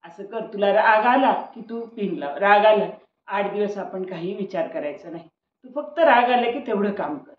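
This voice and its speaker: A calm, wise father who reasons kindly and persuasively with his son in a storybook tale, as an older woman puts him on. The room adds a noticeable echo, and the sound is dull and lo-fi. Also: medium pitch, moderate pace, a little hiss or hum, natural voice. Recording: roomy, dull lo-fi recording.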